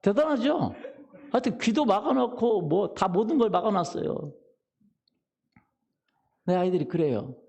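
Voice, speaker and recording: A man's voice: sits high, vocal fry, warm tone, muffled recording. A middle-aged man preaching a sermon as pastor, telling humorous stories and asking the congregation questions. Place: church sanctuary.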